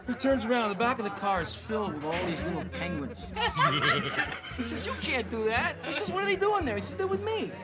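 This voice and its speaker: A man's voice: extremely high pitch, sing-song, normal speed, low-quality recording. An actor playing a rowdy man who laughs through his own joke and mimics voices. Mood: joking. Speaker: bar patron telling a joke. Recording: film soundtrack with loud music and crowd. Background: loud music and crowd chatter.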